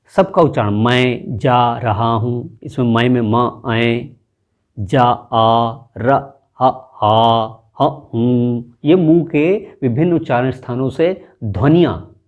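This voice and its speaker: Man, teacher, spoken lesson, slow deliberate explaining, mid pitch, muffled lo-fi sound. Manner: slow, deliberate, explanatory; stretches out example words.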